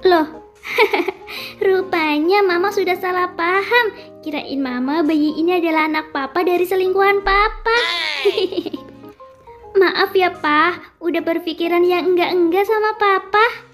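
A woman's voice: extremely high pitch, measured pace, a bit bright, soft background music. A woman voicing an emotional young mother in a game role-play story, prone to jealous, sobbing accusations. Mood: apologetic.

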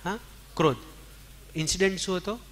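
A man giving a spiritual discourse, animated and questioning his listeners, mixing in English words. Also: high-pitched, normal speed. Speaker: spiritual teacher. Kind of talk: Jain discourse to an audience.

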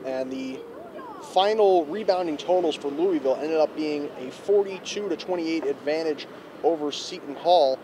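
A young man reporting a postgame recap outdoors on a handheld mic, brisk and stat-heavy. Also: on the high side. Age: young adult. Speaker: student sports reporter. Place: outdoors in front of an arena. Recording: faint street noise outdoors.

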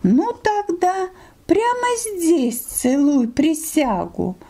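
A sly vixen from a fairy tale, as a woman storyteller puts her on. The voice is high and swooping, chummy and gossipy, drawing words out slowly. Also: wildly swooping pitch, dark tone, full character voice. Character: sly, sympathetic female fox, chatty and friendly.

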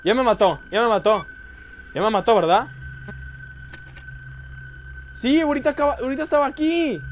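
A man giving excited horror gameplay commentary, jumpy, repeating words and crying out. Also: extremely high pitch, moderate pace, a little hiss or hum.

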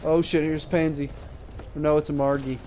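A man's voice: on the high side, little pitch movement, moderate pace, a little mellow. A man streaming a video game in casual chat, talking like a frat bro with lots of slang and swearing. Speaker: livestreamer playing a video game. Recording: noisy mic with game sound.

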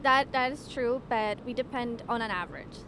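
A young woman from Ethiopia working as a waitress, answering street interview questions in a measured, polite way. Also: a little high, a bit bright. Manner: measured and polite, occasional stammered restarts. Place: outdoors on a city street. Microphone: handheld microphone held by interviewer. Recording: street noise outdoors.

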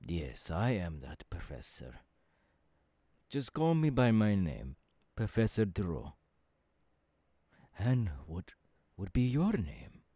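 A man playing an eager, kindly professor mentoring an apprentice in an ASMR roleplay, with halting, dramatic pauses. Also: deep voice, sing-song, warm tone, slightly rough, dry recording, full character voice. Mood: eager, welcoming. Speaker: voice actor, ASMR artist.

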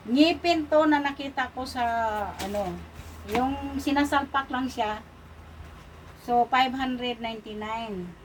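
A woman's voice: high-pitched, takes it slowly, pauses often. A woman with a Filipino accent and missing front teeth, chatting casually to viewers as an online unboxing vlogger. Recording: noticeable background noise.

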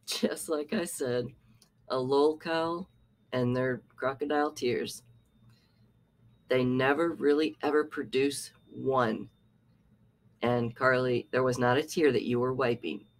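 A man's voice: medium pitch, steady tone, slow, pauses often. A man hosting a reaction commentary, talking in a sarcastic, scolding way. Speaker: commentary channel host.

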